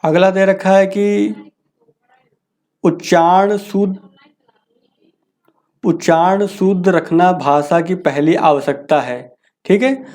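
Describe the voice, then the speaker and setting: Man slowly teaching grammar corrections. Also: high-pitched, darkish tone. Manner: reads each sentence slowly, then explains casually. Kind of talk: Hindi grammar lesson correcting sentences.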